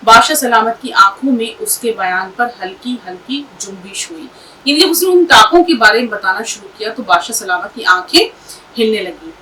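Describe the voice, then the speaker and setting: Woman teacher telling a story and spelling out words slow, fairly high bright voice, mic kinda far. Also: lively intonation, slight background noise. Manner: spells words out slowly letter by letter. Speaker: Urdu teacher. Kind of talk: storytelling language lesson.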